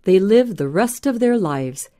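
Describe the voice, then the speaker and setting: A woman narrating a children's storybook in a gentle, even storytelling manner. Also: mid-range voice, unhurried.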